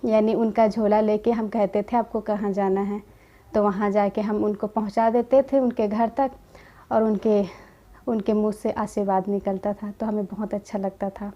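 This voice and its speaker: A young woman giving a gentle personal testimony about her spiritual path, quoting conversations in her own voice. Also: medium pitch, little pitch movement, moderate pace, lo-fi sound. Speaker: spiritual community member sharing her experience.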